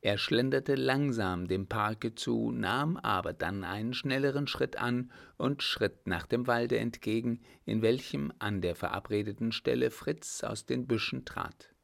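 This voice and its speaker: A man reading a novel aloud as an audiobook narrator, in a steady, unhurried way. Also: mid-range voice, creaky. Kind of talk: scripted narration.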